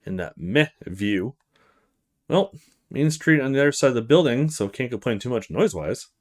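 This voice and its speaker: A man voices a polite young male student in a visual novel, musing to himself in casual, short fragments of inner monologue. His medium-pitched voice is expressive and lightly acted, delivered at a normal speed.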